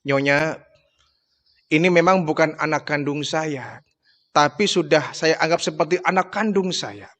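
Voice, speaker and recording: A man's voice: on the high side, unhurried, a bit bright. A man voicing a grieving, devoted nursing mother who pleads through tears, in a retold religious story. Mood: tearful pleading. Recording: long hall reverb.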